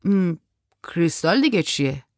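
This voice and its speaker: A woman's voice: lowish voice, big pitch swings, dry recording, studio quality. A woman voicing a tall, lanky young male surfer who is shy but blunt and naive. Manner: naive, chatty, raised youthful delivery.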